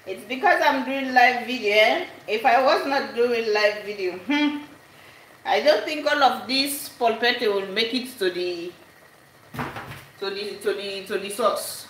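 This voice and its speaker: A woman chats her way through a live cook-along in her home kitchen. She talks slowly and laughs often, with a few Italian phrases mixed in. The room is echoey, with a faint hum behind her. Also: a little high, fairly bright tone. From Sierra Leone. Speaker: cooking vlogger. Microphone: camera above the stove.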